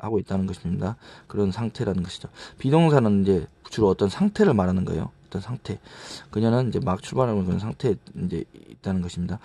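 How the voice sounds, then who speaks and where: A man teaching English grammar in a casual, halting lecture, often restarting words and reading example sentences slowly with a Korean accent. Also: on the low side, gravelly, mellow, no echo. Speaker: English tutor.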